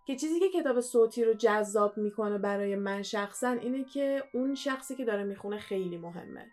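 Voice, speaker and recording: A young woman co-hosting a casual podcast, talking quickly with lots of fillers and restarts. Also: mid-range voice, lively intonation, a little mellow, soft background music. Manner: chatty, fast, many fillers and restarts. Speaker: podcast co-host.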